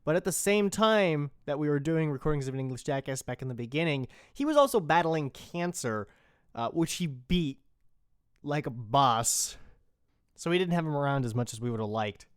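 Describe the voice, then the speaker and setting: A podcast host and creator talks casually and off the cuff, rambling loosely, informally, and with mild profanity. His medium-pitched voice has a clean tone, and the studio recording is clean with no echo.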